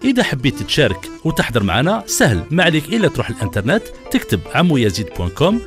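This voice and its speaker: An Algerian man in his thirties hosts a children's TV program. He talks fast, and his pitch swings widely as he coaxes the kids. Light music plays under his voice in the studio. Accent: Algerian Arabic. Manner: animated, coaxing questions to children. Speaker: children's TV host. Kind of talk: lively children's show hosting. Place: colorful TV studio set with children audience. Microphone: handheld mic.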